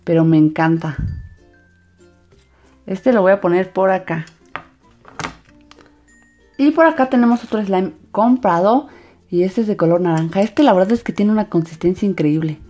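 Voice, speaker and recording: A woman hosting a slime craft channel narrates a hands-on craft video for children in an enthusiastic, sing-song way. Her mid-range voice has lively intonation and a dark tone, moving at a moderate pace with frequent pauses. Background music plays.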